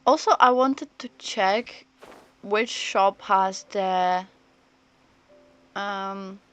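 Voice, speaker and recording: A woman chats casually on her live stream while playing a story game, thinking out loud in a halting, meandering way over background music. She has a mid-range voice with a clean tone.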